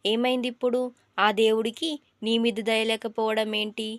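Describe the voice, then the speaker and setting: A woman's voice: a little high, flat delivery, moderate pace, no echo, natural voice. A woman voicing a patient, flustered middle-aged male exam invigilator who coaxes a crying student. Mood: coaxing. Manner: coaxing, fatherly.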